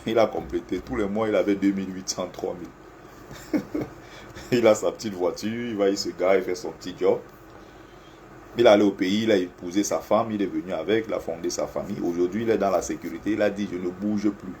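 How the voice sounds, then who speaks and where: A man's voice: low-pitched, a little fast, a little hiss or hum. Man talking animatedly about security work. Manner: animated, repetitive, addresses viewers directly. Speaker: security agent. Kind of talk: casual talk to camera. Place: air-conditioned office.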